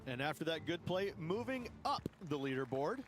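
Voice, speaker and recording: A man giving measured, explanatory colour commentary in a golf video game. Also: a little high, big pitch swings, music in the background. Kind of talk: sports commentary.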